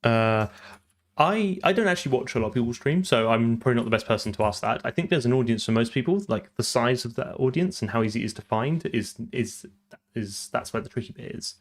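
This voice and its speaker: Guy streaming his coding, bit of fry in his voice, mutters and repeats himself as he works. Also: medium pitch, animated, fairly quick. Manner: thinks aloud, trails off and repeats words. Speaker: programming streamer. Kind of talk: live coding stream chat.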